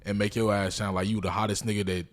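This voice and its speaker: A man, a DJ telling stories in a casual roundtable, animated and profane. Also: on the low side, quick pace. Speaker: DJ, roundtable guest.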